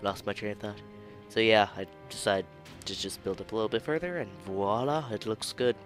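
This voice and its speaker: A man's voice: on the low side, fairly quick, faint music behind. A young man casually narrating his own 3D modeling build, laid-back and self-deprecating, chuckling now and then and sounding tired of rerecording. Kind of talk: casual screen-recorded commentary.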